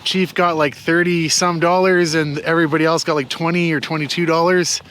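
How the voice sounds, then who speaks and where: Interviewer, male, slightly high pitch, casual and tentative, works out thoughts as he talks, faint background noise. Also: flat delivery, brisk, a bit bright. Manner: tentative, thinking aloud, frequent "like".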